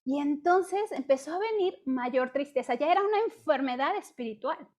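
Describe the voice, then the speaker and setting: A middle-aged woman with a Mexican accent giving a conversational testimony sermon to a women's group, speaking over a video call and constantly checking in with her listeners through quick rhetorical questions. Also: high voice, lively intonation, a little mellow. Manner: chatty, peppers talk with rhetorical questions; acts out her own past complaints in dialogue.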